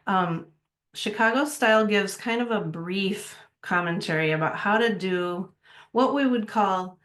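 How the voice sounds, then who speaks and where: A woman editor giving a casual talk on writing style, relaxed and conversational, thinking aloud as she goes. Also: medium pitch, measured pace. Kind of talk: casual presentation.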